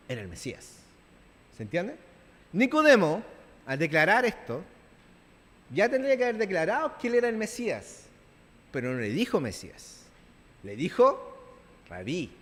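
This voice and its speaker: In a church hall with long reverb, a man with a fairly high, sing-song, slightly bright voice preaches at a moderate pace, pausing often. This Chilean pastor keeps his sermon conversational, checks in with the congregation, and plays out biblical scenes in playful voices.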